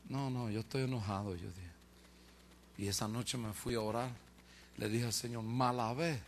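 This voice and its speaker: A male preacher with a medium-pitched voice shares his testimony humorously, imitating other people's voices and laughing at himself. There's a faint hiss or hum in the recording.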